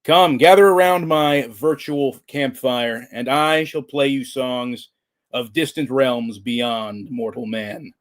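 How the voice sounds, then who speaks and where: A man's voice: mid-range voice, takes it slowly, lightly acted. A man playing a grand fantasy bard host who greets travelers in a theatrical, horror-host storyteller manner. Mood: grand, welcoming.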